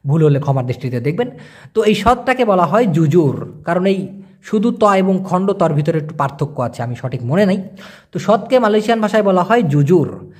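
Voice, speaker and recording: High-voiced man teaching words patiently. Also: a little mellow. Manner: explains patiently, repeats words slowly, asks "clear?". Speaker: language teacher. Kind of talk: casual spoken language lesson.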